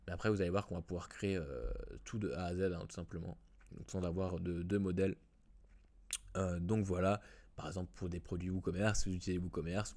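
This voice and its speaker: A man walks through a software tutorial in a casual way, with many fillers and restarts. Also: deep voice. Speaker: WordPress tutorial host. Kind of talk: screen-recorded software tutorial.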